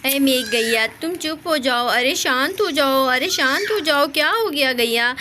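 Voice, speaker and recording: A woman's voice: high-pitched, lively intonation, normal speed, noisy background. Woman voicing flustered village housewife Radha. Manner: exclaiming, scolding gently.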